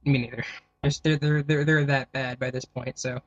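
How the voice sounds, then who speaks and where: A man's voice: mid-range voice, flat delivery, no echo, dull audio. A man co-hosting a podcast in casual chat, often stopping and restarting his sentences. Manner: halting, many restarts. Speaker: podcast co-host.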